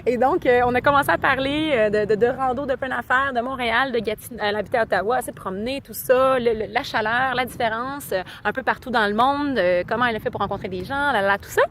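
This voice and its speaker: A woman's voice: fairly high pitch, fast talker, a bit bright, slight background noise. A woman from Quebec with a Québécois accent, talking in a casual, rambling vlog and switching between French and English, heartfelt and full of fillers. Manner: enthusiastic, heartfelt. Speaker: vlogger.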